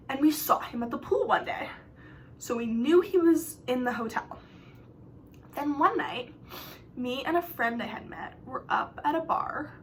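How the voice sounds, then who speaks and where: A young woman vlogger telling travel stories in a chatty, dramatic way, swinging between loud exclamations and hushed asides. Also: high-pitched, a little hiss or hum. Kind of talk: storytime vlog, casual storytelling.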